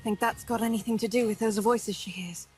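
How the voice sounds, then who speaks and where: A woman's voice: on the high side, steady tone, brisk, a little mellow, faint music behind, natural voice, low-quality recording. An actress playing a tough, wisecracking woman squad leader in video game dialogue, brash and teasing with nicknames for everyone.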